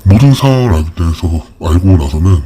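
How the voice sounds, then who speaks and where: Anonymous voice disguised by deep pitch shift. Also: lively intonation, mellow, slight background noise. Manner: measured, formal, with frequent hesitant fillers. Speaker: anonymous fraud victim interviewee. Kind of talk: reading a prepared account in an interview.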